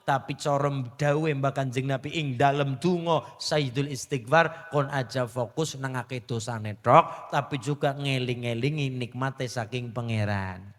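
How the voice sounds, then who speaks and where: A man preaching a village sermon, lively, asking the crowd questions and joking. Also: medium pitch, in a large hall. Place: religious gathering in a village.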